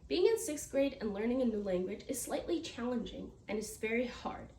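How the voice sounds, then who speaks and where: A woman's voice: fairly high pitch, animated, a little fast, warm tone. A teenage girl from the United States giving a prepared class speech, earnest, with small slips and restarts. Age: teens. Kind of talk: prepared speech read aloud. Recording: echoey room, mic far off, faint noise.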